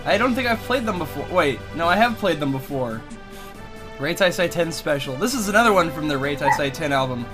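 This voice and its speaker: A man's voice: a little high, animated, fairly quick, over music. Stuffed-up man chatting on a podcast. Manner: joking, playful banter. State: stuffed-up nose. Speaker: podcast co-host. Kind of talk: casual chat.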